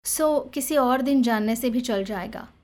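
A woman's voice: fairly high pitch, a little slow, lightly acted. Woman voicing a proud, curt young mistress. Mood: flustered. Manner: curt and sharp.

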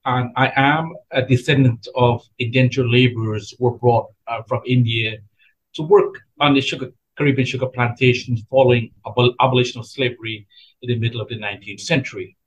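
A middle-aged man speaks as a professor being interviewed. He pauses often and fills the gaps with ums and restarts. His pitch sits in a middling range. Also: steady tone, muffled recording, slight background noise. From Guyana. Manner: halting, many fillers and restarts. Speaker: history professor, guest. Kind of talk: interview answers.

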